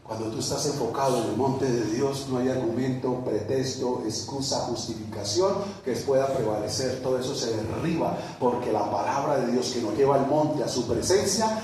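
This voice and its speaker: A pastor preaching a sermon, repeating words, asking rhetorical questions and rising to loud peaks. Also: male voice, medium pitch, moderate pace, few pauses, a little hiss or hum. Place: church hall. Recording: echoey hall from far off.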